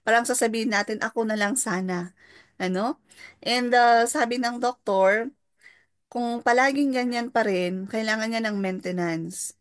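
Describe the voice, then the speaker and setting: A middle-aged Filipino woman with a Filipino accent shares a personal testimony as a mentor in a smooth, somewhat high voice, a little slowly. She politely mixes English into her Tagalog and checks in with listeners through tag questions; the recording is dry and studio quality.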